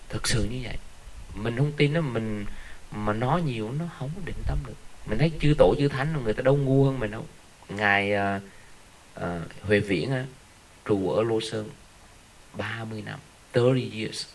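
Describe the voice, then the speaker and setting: A man's voice: lowish voice, poor audio. Monk for a dharma talk, man, chatty storyteller, keeps checking in with listeners, faint hiss behind. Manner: conversational, tells funny stories, asks listeners often. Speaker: Buddhist monk teacher.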